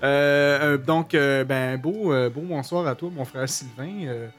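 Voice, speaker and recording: A man's voice: mid-range voice, a little slow, fairly bright tone, faint music behind. A man with a Québécois accent hosting a casual radio chat, joking and laughing at his own puns, with plenty of fillers. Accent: Québécois French. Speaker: radio show host.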